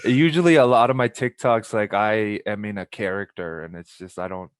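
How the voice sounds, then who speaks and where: A man's voice: on the low side, normal speed. A young man from Pakistan, a podcast guest, chatting casually and rambling with many restarts. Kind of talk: casual chat.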